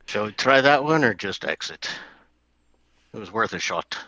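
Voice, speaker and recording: A man with a lowish, bright and forceful voice plays a tabletop game, eager and jokey. His sound comes through a dull, lo-fi mic. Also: expressive, normal speed, no room sound. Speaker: player. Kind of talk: casual tabletop play.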